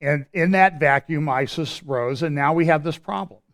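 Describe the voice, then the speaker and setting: A man presenting a church prophecy update in a conversational commentary style, pausing and restarting as he walks through a map and his views. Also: fairly high pitch. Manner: explains while pointing at a map on screen.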